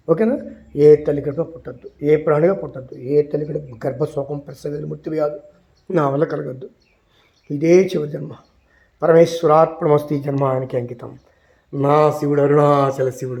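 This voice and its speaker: Gravelly man in fervent prayer. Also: on the high side, muffled recording. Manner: pleading and fervent, chanting verses, swings between soft murmurs and loud cries. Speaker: devotee. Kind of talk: emotional devotional prayer.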